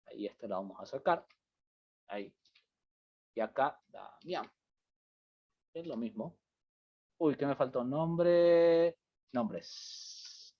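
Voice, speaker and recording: A man teaching a programming class, thinking aloud as he types code and checking in with students often. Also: fairly high pitch. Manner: thinks aloud while typing, many fillers like "fíjense" and "bien". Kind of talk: live-coding class explanation. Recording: dull lo-fi audio.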